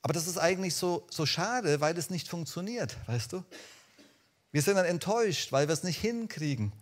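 A man preaching a lively sermon, talking straight to his listeners and swinging between loud calls and soft, hushed lines. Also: a little high, moderate pace.

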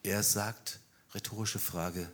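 A man preaching a sermon, telling the story with animated emphasis and rhetorical questions. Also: fairly low pitch, takes it slowly.

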